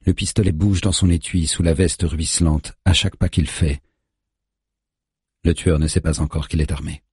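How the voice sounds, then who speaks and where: Deep, husky man narrating a thriller. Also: normal speed, dry recording, clean studio sound. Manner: steady, tense storytelling. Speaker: audiobook narrator.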